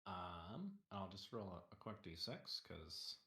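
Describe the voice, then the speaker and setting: A man playing a tabletop game, talking casually and haltingly as he thinks aloud. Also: deep voice, very animated, creaky, sharp tone. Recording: roomy, echoey sound.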